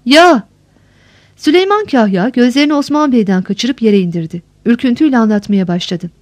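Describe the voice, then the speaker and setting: A woman reading a historical novel aloud with expressive storytelling. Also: fairly high pitch, fast talker, no echo. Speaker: audiobook reader.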